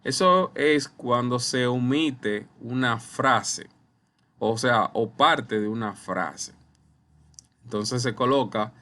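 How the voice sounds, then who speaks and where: A man teaching a recorded online lesson over slides, explaining slowly and deliberately, speaking straight to his viewers. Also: mid-range voice, a bit bright. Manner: slow, deliberate explaining, addresses viewers as ustedes. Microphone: computer mic while writing with a mouse.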